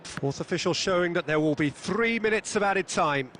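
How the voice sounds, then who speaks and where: An actor playing a football play-by-play commentator in a video game, measured but quick to get excited. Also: male voice, high voice, a little hiss or hum. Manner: measured, rising to excited calls.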